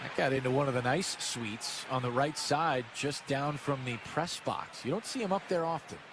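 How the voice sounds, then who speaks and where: An American radio play-by-play man speaks in a mid-range voice at moderate speed, covering a live baseball game from the stadium booth. Clear ballpark ambience sits behind his commentary.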